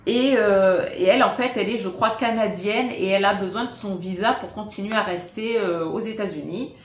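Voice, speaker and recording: A woman casually recommending films she likes, hesitant and full of filler pauses but enthusiastic. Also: medium pitch, roomy sound. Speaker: film recommender. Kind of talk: casual spoken film recommendations.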